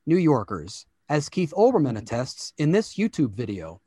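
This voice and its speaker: A man's voice: fairly high pitch, wildly swooping pitch, normal speed, dark tone, slightly rough, no echo, clean studio sound. A man hosting a podcast, joking wryly in casual chat. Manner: joking, wry. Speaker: podcast host.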